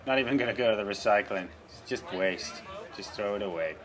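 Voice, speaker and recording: A man's voice: fairly low pitch, a little fast, a crowd in the background. A man improvising a comic voice-over as commentator, with an offhand, sarcastic, muttering delivery.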